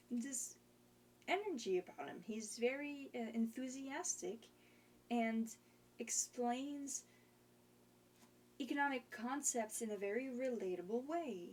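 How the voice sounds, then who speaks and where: A woman's voice: medium pitch, darkish tone, slight background noise. A young woman streamer in casual chat, rambling and hesitant with lots of fillers.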